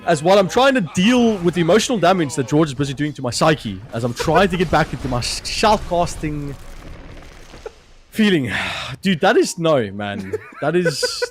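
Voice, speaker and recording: A young man casting esports play-by-play, animated and quick to laugh. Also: fairly high pitch. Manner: animated, laughs often, rising excitement on plays. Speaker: esports caster.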